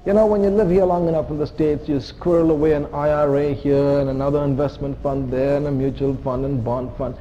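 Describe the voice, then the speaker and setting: A man's voice: a little high, little pitch movement, brisk, few pauses, dark tone, muffled recording, slight background noise. A man from India, preaching a sermon to a church congregation in an earnest, emphatic way, with joking asides. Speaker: visiting missionary preacher. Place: church sanctuary.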